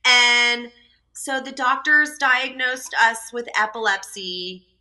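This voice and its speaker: A woman's voice: a little high, takes it slowly, pushed and bright, low-quality recording. A young woman who is a doula, a guest on an interview podcast, chatting and telling stories with lots of "um" and "like". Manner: chatty, lots of fillers, storytelling. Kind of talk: casual conversational interview.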